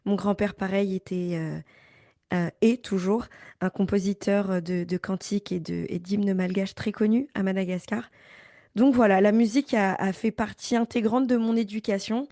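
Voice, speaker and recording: A young woman from Paris speaks as a guest in a relaxed interview. Her voice is dark and mellow, recorded close and dry. She talks thoughtfully and pauses often, repeating small words as she works out her answers. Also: mid-range voice, no room sound. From Paris, France. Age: young adult. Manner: thoughtful, many hesitations and repeats. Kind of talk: casual interview talk.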